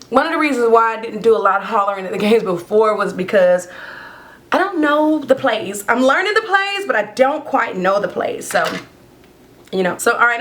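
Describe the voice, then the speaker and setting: Her fairly high, slightly bright voice is hoarse because it's partly gone. Doing her makeup for a get-ready-with-me clip, the beauty vlogger chats casually and rambles on.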